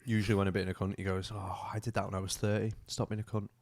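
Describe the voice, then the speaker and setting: This is a man in his early thirties co-hosting a live gaming podcast. His voice sits slightly low, and he speaks quietly and offhandedly as he eats. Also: little pitch movement, very fast. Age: early 30s. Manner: quiet and offhand, eating during the show. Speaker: podcast co-host. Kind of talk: casual chat.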